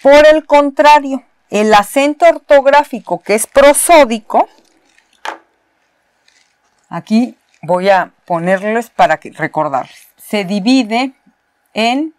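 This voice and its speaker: A woman's voice: fairly high pitch, animated, slow, pauses often, a little mellow, no room sound. A Mexican woman teaching a university spelling lesson, explaining patiently step by step and repeating key words. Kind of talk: recorded spelling lesson at a board.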